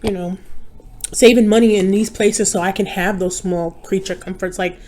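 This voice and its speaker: A woman's voice: medium pitch, steady tone, moderate pace, a little mellow. A young woman chatting casually to her viewers while she eats, rambling from one thought to the next and calling them y'all. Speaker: mukbang vlogger. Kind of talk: casual chat while eating.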